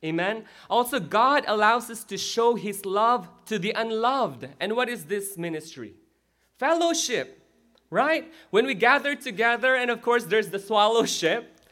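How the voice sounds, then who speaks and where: A male pastor giving a lively sermon in a church and checking in with the crowd as he goes. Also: high voice, a little slow.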